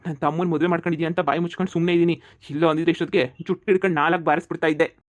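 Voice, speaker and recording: A man's voice: fairly high pitch, fairly even intonation, racing, dry recording, close to an everyday voice. Man playing a hot-tempered village husband. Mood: angry.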